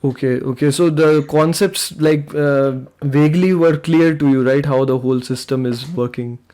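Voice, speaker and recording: A young man hosting an online robotics meetup, talking casually and relaxed, with frequent "like" and "uh". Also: on the high side, normal speed. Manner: relaxed, uses "like" and "uh" often. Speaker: meetup host and presenter. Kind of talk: casual online meeting discussion. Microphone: computer mic on a video call.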